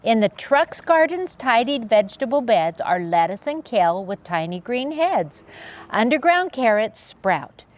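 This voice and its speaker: A woman hosts a children's read-aloud channel, reading stories in an unhurried, playful, sing-song voice with lively pitch swings. Her delivery is expressive and rhyming, sprinkled with playful sound effects.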